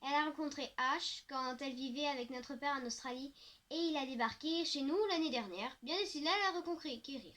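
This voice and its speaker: Woman audiobook narrator; high-pitched, reflective first-person teen novel reading. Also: a little fast, a bit bright.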